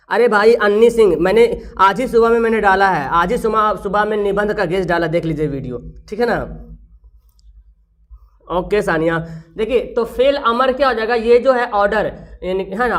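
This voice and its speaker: An online tutor, teaching a live grammar class. Asks questions and answers them, repeats key terms, and reads out viewers' names with praise. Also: medium pitch.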